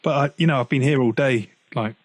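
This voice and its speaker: A man with a British accent, a guest singer-songwriter chatting casually in an interview from home, relaxed and quick to laugh. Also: medium pitch, no room sound. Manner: relaxed, chatty, laughs easily, frequent "you know". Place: at home practicing, on a call.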